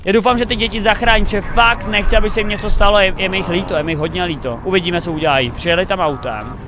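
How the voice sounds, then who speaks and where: A young man hosting a reaction video, commenting excitedly, thinking aloud and cheering the players on. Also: sits high. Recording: faint music behind the voice.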